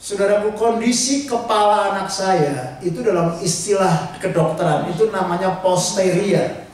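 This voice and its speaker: A male pastor preaching a sermon, telling a personal story in an animated, humorous way. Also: high-pitched, moderate pace. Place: church hall. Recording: echoey hall from far off.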